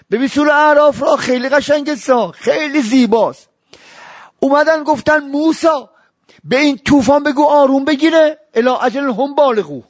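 A male preacher delivering a sermon, telling stories with dramatic swings from quiet murmurs to raised exclamations and chanting scripture quotes. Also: high voice, no room sound.

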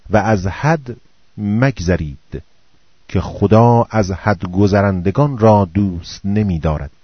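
Solemn low-voiced man reading scripture. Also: no echo. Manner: slow, solemn recitation in short phrases. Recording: dull, muffled dry recording.

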